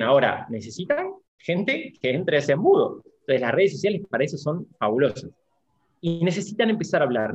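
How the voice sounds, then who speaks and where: A man's voice: medium pitch, husky. A man, a business coach as podcast guest, talking casually and acting out his advice in quoted speech. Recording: dull lo-fi sound.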